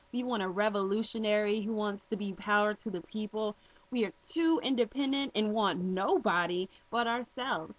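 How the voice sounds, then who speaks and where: A woman vlogging a direct-to-camera response, blunt and emphatic, posing pointed rhetorical questions. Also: medium pitch. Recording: dull lo-fi home video audio.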